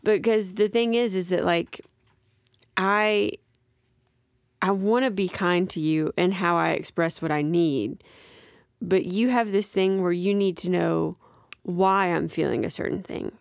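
A woman's voice: lowish voice, fairly even intonation, measured pace, creaky, no room sound, studio quality. Candid young woman on a podcast. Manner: candid, self-reflective, teasing. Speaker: podcast co-host. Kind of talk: casual conversation with spouse.

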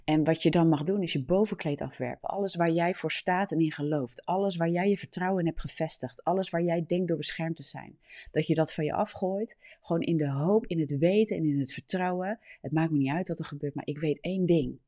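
Earnest preacher with a mellow voice. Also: mid-range voice, a little fast. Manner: earnest, explanatory, frequent tag "hè". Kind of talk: sermon.

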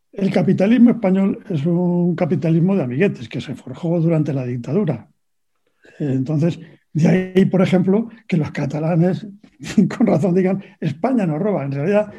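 Older Spanish man, husky and dark. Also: fairly high pitch. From Spain. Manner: deliberate and argumentative, pausing on fillers. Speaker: retired navy captain, guest. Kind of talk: radio interview answer. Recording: dull lo-fi recording.

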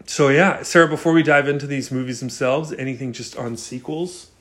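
Brief: male podcast host, mid-pitched, loose rambling film chat. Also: fairly even intonation, a little fast, a bit bright. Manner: rambling, many restarts and fillers.

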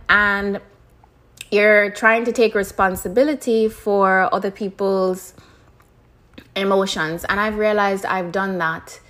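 A woman hosting a solo podcast, talking through personal reflections in a candid, chatty way, full of "like" and "you know" and quick laughs. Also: medium pitch, a bit bright. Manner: casual and chatty, many fillers like "like" and "you know"; candid, laughs now and then. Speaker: podcast host.

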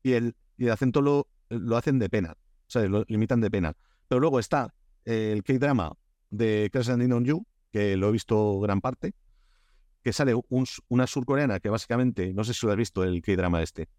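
A fairly low-pitched man from Spain speaks at a normal speed with a Spanish accent, recorded in studio quality with no echo. Guesting on a casual podcast interview as a Korea expert, he's an animated storyteller who restarts a lot and uses many fillers.

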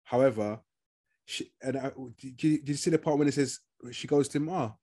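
A man's voice: medium pitch, fairly quick, mellow. A man co-hosting a casual TV review chat, repeating phrases as he works out his point. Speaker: podcast co-host.

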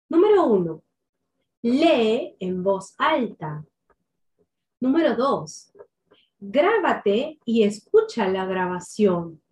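Slow, clearly articulating woman coach. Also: on the high side, a little mellow. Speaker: voice and public speaking coach. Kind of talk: instructional tips to camera.

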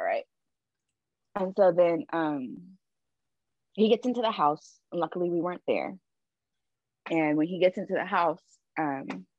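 A woman's voice: deep voice, no echo, lo-fi sound. A woman guest on a podcast, telling a personal story in a candid, emphatic way, often adding "like" and "right?".

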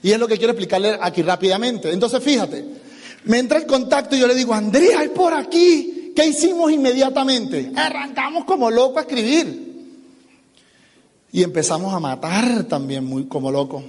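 A man giving an animated motivational business seminar talk, acting out little dialogues as he goes. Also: high-pitched, brisk, husky, long reverb tail. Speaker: business speaker.

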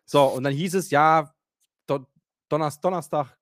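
Man, casual chat, ranting storyteller, slightly high voice, dry close recording. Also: unhurried, dry recording. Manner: animated, rants and acts out quotes; swears casually, many fillers.

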